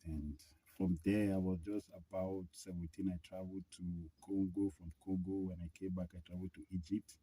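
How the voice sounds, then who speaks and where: A man with a Nigerian accent, a guest musician talking in a relaxed, easygoing way inside a car. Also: low-pitched, a little fast, few pauses, poor audio. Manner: laid-back, peppers talk with "you know, bro". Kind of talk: casual podcast chat.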